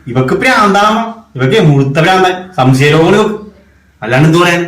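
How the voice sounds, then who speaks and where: An arrogant, cruel husband, played by a man, scolding with open contempt. He talks very fast in a slightly high voice. The recording has a strong room echo. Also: fairly bright tone. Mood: angry. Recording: echoey room.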